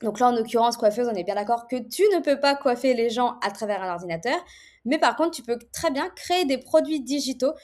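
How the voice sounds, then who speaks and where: Woman in her thirties, fairly high voice, casual presenter, chatty with lots of fillers and restarts. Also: brisk, a little mellow. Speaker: online course presenter. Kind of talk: casual direct-to-viewer presentation.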